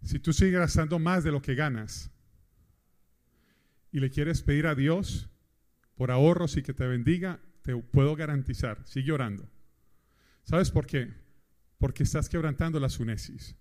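A man from Colombia preaching a sermon with animated delivery, talking directly to the congregation. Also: on the high side, normal speed, pauses often.

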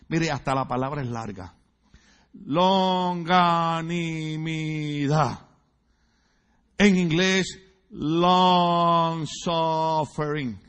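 A male pastor preaching a sermon in a church, joking and teasing the congregation and asking them questions. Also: high-pitched. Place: church sanctuary.

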